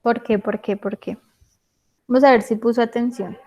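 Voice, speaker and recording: Woman, English teacher, patient online class, quizzes students, fairly high voice. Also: steady tone, moderate pace, warm tone. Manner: patient, checks understanding with questions.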